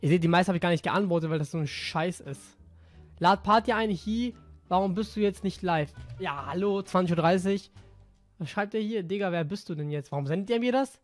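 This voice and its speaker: A man's voice: sits high, fairly quick, soft background music. A man talking casually as a gaming YouTuber, reading out messages in an offhand, slangy way.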